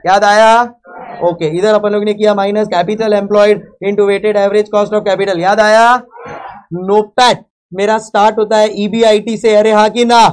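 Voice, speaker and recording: Teaching accounting to students in a lecture hall, this Indian-accented man has a high voice and a loud, emphatic delivery that occasionally turns into calling out. He blends English phrases into his Hindi and constantly checks understanding with questions. Slight background noise is present.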